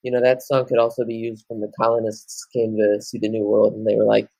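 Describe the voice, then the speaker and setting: A man in his late teens co-hosting a podcast, rambling through animated casual chat. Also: lowish voice, quick pace, creaky, no echo. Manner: rambling, animated, jumps into loud off-key singing. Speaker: podcast co-host.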